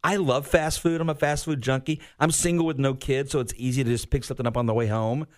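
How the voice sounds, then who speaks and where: An American man co-hosting a radio morning show in casual, chatty, animated, self-deprecating talk. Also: medium pitch, quick pace.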